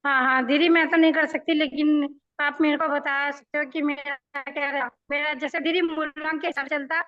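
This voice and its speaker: A high-voiced woman calling out a question in an online class over a bad connection that keeps cutting her off. Her voice comes through muffled and dull. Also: fairly even intonation, moderate pace. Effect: breaking up over a bad online connection. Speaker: participant asking questions.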